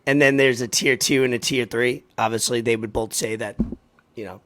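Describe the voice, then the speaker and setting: A man in his thirties with a raspy, hoarse voice, hosting a sports podcast in a halting, informal chat. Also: medium pitch, steady tone, a bit bright. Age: 30s. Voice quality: raspy, worn voice. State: hoarse from partying.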